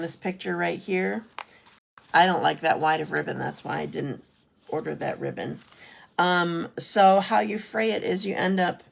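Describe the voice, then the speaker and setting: Woman host of a live craft demo, chatty and self-correcting, with a heavy vocal fry and a lowish voice. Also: a little hiss or hum. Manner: chatty, self-correcting, answers viewer comments. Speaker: craft demonstrator hosting a live stream.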